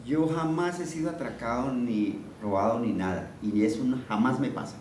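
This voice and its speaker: A man's voice: medium pitch, normal speed, darkish tone, reverberant, far from the mic, a little hiss or hum, poor audio. A man preaching a sermon, teaching conversationally and asking his listeners questions as he goes.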